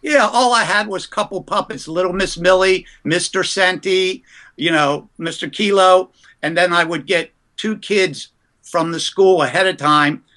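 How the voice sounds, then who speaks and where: A man pitched somewhat above the usual male range, with a forceful, bright voice, shares lively anecdotes at a measured pace. He's an East Coast American ventriloquist looking back on his show-business beginnings during a casual interview.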